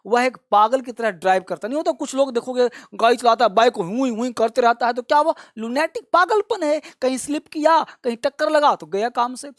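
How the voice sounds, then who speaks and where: A very high-pitched male voice comes through as clean studio sound with no room noise. He is an English vocabulary teacher whose classroom-style lesson has him repeating each word for students to say back, and he fondly calls his viewers children.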